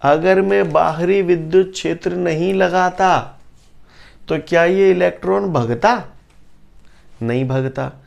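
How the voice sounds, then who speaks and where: Man, physics teacher, very gravelly voice, slightly high pitch, quizzing students. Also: a little mellow, highs cut off. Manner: quizzes students with call-and-response questions, repeats definitions slowly. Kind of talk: classroom lecture.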